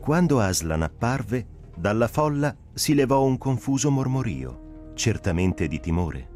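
A man narrating a dramatic audiobook reading, expressive and shaped by the drama. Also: mid-range voice, a little slow, faint music behind. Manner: expressive, rising and falling with the drama.

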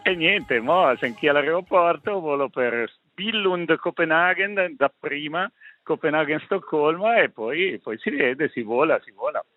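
A man's voice: fairly high pitch, animated, dry recording, phone-quality sound. A man, calling in as a sports correspondent from an airport, chatty and witty. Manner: witty, chatty, quick bursts. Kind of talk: sports commentary on a phone call-in. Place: airport security area.

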